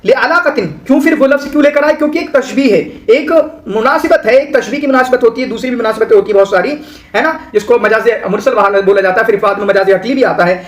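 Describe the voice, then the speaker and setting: A man with a very high-pitched voice teaches quickly in a reverberant space, lecturing on Arabic literary terms. He reads Arabic lines, then explains them conversationally with everyday examples, repeating "है ना" often.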